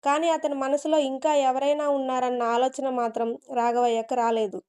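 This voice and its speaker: A woman narrating a dramatic story in an expressive, steady way. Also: high-pitched, normal speed, clean tone.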